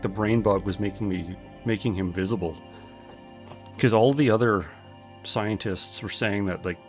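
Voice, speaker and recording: A man streaming a game, chatting casually with viewers and thinking aloud with lots of fillers. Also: on the low side.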